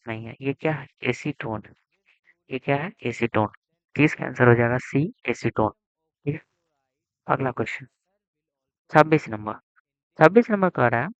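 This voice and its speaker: A man's voice: mid-range voice, no echo. Man teaching chemistry, quizzing his students. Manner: repeats questions and prompts students to answer. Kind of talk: board exam lesson. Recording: dry, dull lo-fi sound.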